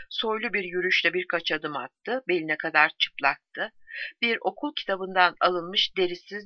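A woman narrating a war story in a grave, measured reading voice. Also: fairly low pitch, no echo. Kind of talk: audiobook narration. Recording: dry dull audiobook recording.

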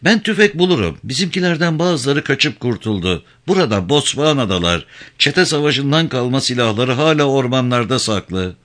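A man playing a loyal young woman in a spoken story, her voice pitched up from his own and thick with tears. It sounds bright and crisp and moves a lot in pitch. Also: lively intonation, normal speed, natural voice. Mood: determined. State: choked with tears.

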